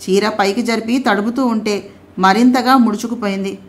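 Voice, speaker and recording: A woman narrating an audio story in a calm, measured reading voice. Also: medium pitch.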